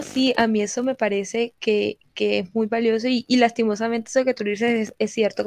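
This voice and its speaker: A woman's voice: a little high, darkish tone. A woman with a Caribbean Spanish accent from the Colombian coast, talking conversationally in an earnest, emphatic way and repeating phrases for emphasis. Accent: Colombian Caribbean (costeño). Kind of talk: conversational interview talk.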